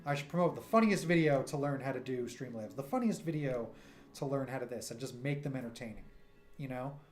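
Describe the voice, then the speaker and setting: Here a man in his thirties talks briskly in a medium-pitched voice, his New York accent clear as he livestreams his art from a home streaming room. His casual, rambling chat is animated and self-deprecating, set against soft synth music.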